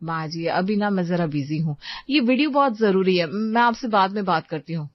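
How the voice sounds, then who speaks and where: A woman's voice: mid-range voice, expressive, normal speed, dry recording, close to an everyday voice. Young wife in a cartoon moral story, polite but dismissive, voiced by a woman. Dry and slightly muffled sound. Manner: polite but brushing off others.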